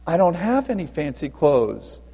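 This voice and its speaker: A calm, wise old man, as a storyteller puts him on in a children's tale, speaking mildly and plainly. His voice sits high and lively and rings in a long church reverb. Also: normal speed, slightly rough, exaggerated voice. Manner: mild, matter-of-fact.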